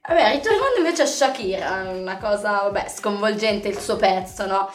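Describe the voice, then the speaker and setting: A woman hosting a casual chat, talking in a chatty way and often ending points with quick tag questions. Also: medium pitch, lively intonation, roomy sound, soft background music.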